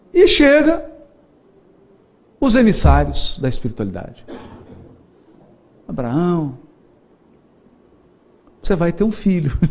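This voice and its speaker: With a high-leaning, darkish voice, a middle-aged spiritist lecturer speaking with a Brazilian Portuguese accent delivers a seminar lecture. He tells stories playfully, laughing frequently and performing the voices he quotes.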